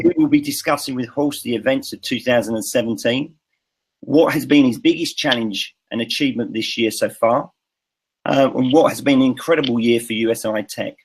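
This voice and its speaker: A man's voice: mid-range voice, breathy edge, low-quality recording. A man hosting a live online interview call, introducing the guest with enthusiasm and a few ums. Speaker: interview host.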